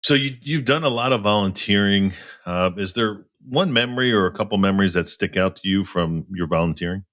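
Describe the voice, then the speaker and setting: Brief: deep-voiced man, podcast co-host, calm questioner. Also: a little fast. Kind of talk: podcast interview.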